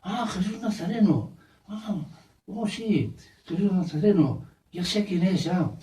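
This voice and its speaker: A man voicing a poor blind male beggar who cries out over and over for mercy, in pleading, high-pitched calls. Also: sing-song, moderate pace. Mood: eager. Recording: echoey church from far off.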